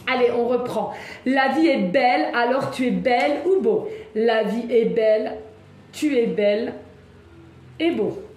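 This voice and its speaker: A woman doing a casual card-reading video, chatty and exclamatory, laughing often and slowing down to repeat each message. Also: a little high, a little mellow. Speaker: tarot card reader. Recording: echoey room with faint ambient noise.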